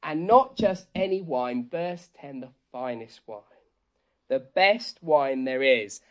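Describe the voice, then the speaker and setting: A woman's voice: rumbling low, expressive, slow, muffled recording. A woman leading an interactive children's talk at church, with playful patter like a kids party magician and chatty asides. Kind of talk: interactive family sermon with magic-trick demonstration.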